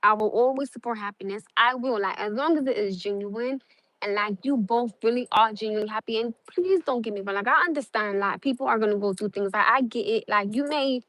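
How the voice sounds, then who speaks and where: Here the young livestream host from South Norwalk, Connecticut, chats casually on her phone with a voice on the high side, a slightly fast pace, and a fairly bright tone. She's earnest and rambling, repeating herself with plenty of "like" fillers. The audio is poor, with no echo.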